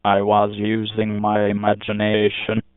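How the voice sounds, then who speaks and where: A man delivering a crude comic confession in a deadpan, monotone way. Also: on the low side, measured pace, clean tone, no echo. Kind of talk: deadpan comedic confession monologue. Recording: tinny phone-like sound.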